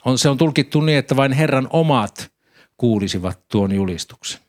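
Guy giving a sermon, calm explaining voice, mid pitch, reads scripture out. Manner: calm explanatory preaching, reading scripture aloud. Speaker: preacher.

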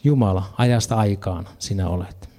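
Low mellow-voiced man preaching a sermon. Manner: earnest, reads scripture aloud, mixes in casual asides.

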